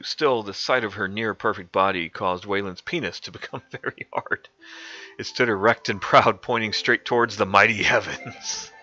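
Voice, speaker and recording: A young man with a fairly low, bright, forceful voice is streaming a mock-dramatic reading of a comic fanfic and keeps cracking up with laughter. The stream audio is dull and lo-fi, with faint music underneath.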